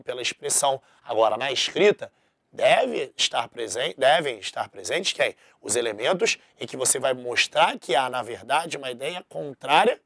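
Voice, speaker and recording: A man's voice: medium pitch, gravelly, fairly bright tone, slightly rough, no room sound, studio quality. A man teaching a recorded exam-prep language lesson, explaining step by step and often checking that the class understood.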